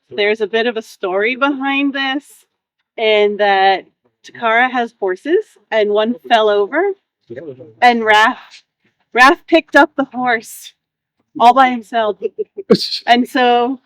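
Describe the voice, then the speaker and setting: A woman's voice: a little high, a bit bright, no echo, rough recording. A woman giving a casual, playful presentation speech at an informal ceremony.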